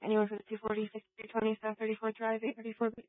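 A woman's voice: fairly high pitch, completely flat delivery, very fast, no room sound. A woman working as a police dispatcher, reading out addresses and codes in clipped radio calls over a walkie-talkie. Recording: tinny, dry radio channel.

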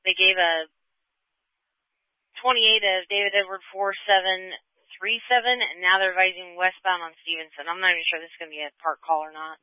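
A man's voice: high-pitched, fairly even intonation, brisk, clean tone, dry recording. A male emergency dispatcher heard over a two-way radio, giving clipped calls full of radio codes. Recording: dull, dry radio transmission.

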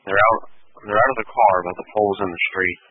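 A male dispatcher heard over police radio, his lowish voice squeezed thin by the tinny, phone-like band of a scanner. He reads unit numbers and street addresses in quick, clipped bursts, barely rising or falling in pitch, with a dry, husky edge. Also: fairly even intonation, a little hiss or hum. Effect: police radio transmission. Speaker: emergency dispatcher.

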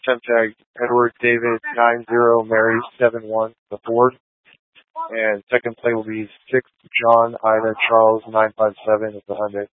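Flat-voiced man over a walkie-talkie. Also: fairly low pitch, moderate pace, no echo. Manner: clipped, flat radio codes. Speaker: police officer. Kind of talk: radio call reading plates. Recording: tinny radio transmission.

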